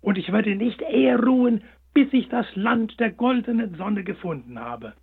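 A man's voice: sits high, animated, normal speed, gravelly, slightly rough, voice pushed up, exaggerated voice. Man voicing a small yearning young hare. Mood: determined. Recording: tinny phone-like sound.

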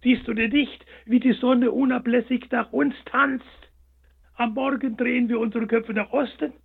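A man's voice: very high voice, fairly even intonation, moderate pace, gravelly, slightly rough, pitched above the performer's own voice, exaggerated voice. A man voicing a chorus of arrogant sunflowers in a storybook, scornful and boastful, on a tinny line. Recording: tinny phone-like sound.

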